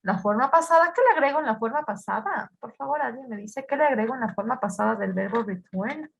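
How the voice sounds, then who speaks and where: A woman's voice: a little high, lively intonation, brisk, creaky, slightly rough. A woman with an Ecuadorian Spanish accent teaching English grammar to a class, patiently repeating words and asking her students questions. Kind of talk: online class explaining grammar.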